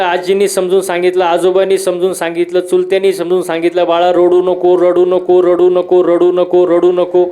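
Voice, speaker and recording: A man giving a humorous devotional kirtan sermon, telling stories with repeated refrains and quizzing the crowd for answers. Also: high voice. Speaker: kirtan preacher.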